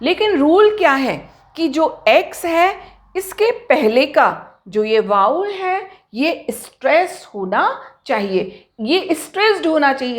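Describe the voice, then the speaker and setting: Slow, animated woman teaching pronunciation. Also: high-pitched. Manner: asks questions and answers them herself; slow, drawn-out spelling of example words. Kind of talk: explanatory lesson to students.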